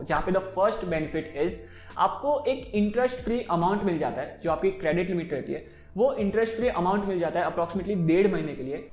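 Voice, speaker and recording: Speaking to camera in a high, darkish voice, a twenty-something finance host with an Indian accent explains things casually and directly, moving between Hindi and English. Faint music sits behind his voice in an echoey room.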